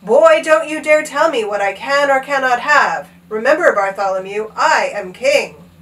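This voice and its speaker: A woman's voice: sits high, expressive, normal speed, a bit bright, distant mic, poor audio. A woman voicing a short-tempered, pompous old king in a children's storybook, growling out commands. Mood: imperious rage. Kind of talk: animated children's storybook read-aloud.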